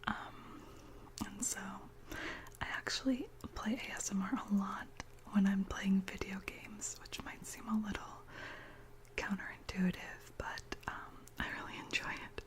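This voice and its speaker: A woman whispering gently as an ASMR channel host, chatting slowly with many soft pauses. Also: mid-range voice.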